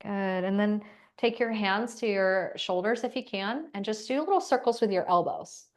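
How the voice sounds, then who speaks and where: Gentle woman guiding a breathwork class. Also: mid-range voice, normal speed. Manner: soft, gentle guiding cues. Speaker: exercise instructor. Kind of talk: guided breathwork and movement class.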